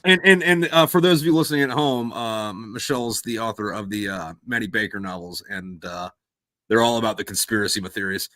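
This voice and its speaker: A man's voice: on the low side, fairly quick, pushed and bright, no echo. Man hosting, close dry sound. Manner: stammering word repetitions. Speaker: podcast host. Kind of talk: casual chat.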